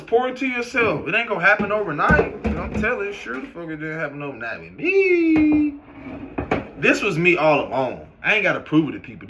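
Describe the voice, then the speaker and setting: A man giving a casual, loose, profane monologue to camera as a vlogger, mixing stories and advice. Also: a little high. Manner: loose, profane, animated storytelling. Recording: noisy background hiss.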